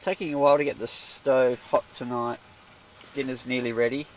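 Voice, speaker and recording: A male outdoor vlogger gives casual solo commentary to the camera from a small tent with a wood stove, rambling in self-deprecating asides. His delivery is flat, his pitch medium, and his pace moderate. Background noise can be heard.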